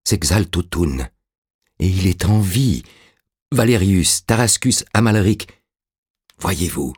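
A man raising his voice into a fervent sorcerer-priest, pitched well above his natural depth and pressing every word with urgency. The tone stays husky, and the recording is dry and close. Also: lively intonation, takes it slowly, a little mellow, dry recording, full character voice. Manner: urgent, insistent exclamations. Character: fervent male sorcerer-priest, intense and commanding. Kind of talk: audiobook reading.

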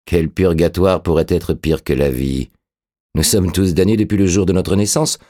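A man's voice: sits low, moderate pace, dark tone. A man voicing a cruel, cynical male nobleman who speaks in a scornful, mocking way in an audiobook reading.

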